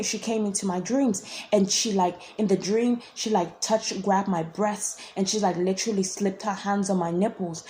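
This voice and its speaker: A woman's voice: medium pitch, darkish tone, a little hiss or hum. A woman telling a personal story in a casual vlog, rambling with constant "like" and frequent restarts. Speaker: vlogger.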